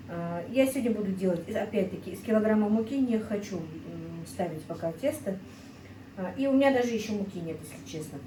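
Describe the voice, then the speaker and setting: Speaking in a mellow, medium-pitched voice, a middle-aged vlogger cooks at home and chats casually with her viewers, repeatedly calling them friends. The mic sits at a distance in an echoey kitchen, and a faint hum runs underneath.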